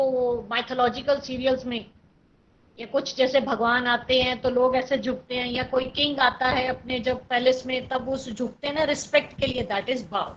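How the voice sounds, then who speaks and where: A woman with an Indian English accent leads an online class for young students, patiently explaining word meanings and spelling them letter by letter. Her voice sits high, and her English comes out slow and deliberate, with steady praise between answers. A faint noise hums under the recording. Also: lo-fi sound. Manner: patient, encouraging, repeats praise and spells words out. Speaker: school English teacher.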